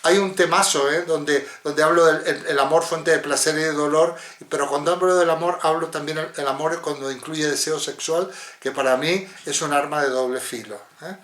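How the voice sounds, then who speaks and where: A man's voice: on the high side, steady tone, moderate pace, a bit bright. Rambling male seminar moderator, roomy echo. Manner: discursive, frequent tag questions. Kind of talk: philosophy seminar discussion.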